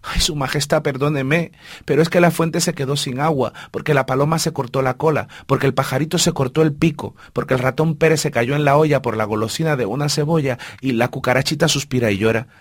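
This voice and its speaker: A man voicing a flustered, pleading young servant girl, with a husky voice. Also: medium pitch, brisk, dry recording, lightly acted. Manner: pleading, breathless listing.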